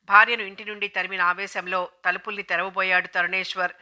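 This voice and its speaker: A woman narrates a detective novel in an even, measured manner. Her voice is bright and sharp, and her pitch stays flat and steady from line to line. It has the practiced flow of a storybook reading. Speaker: audiobook narrator.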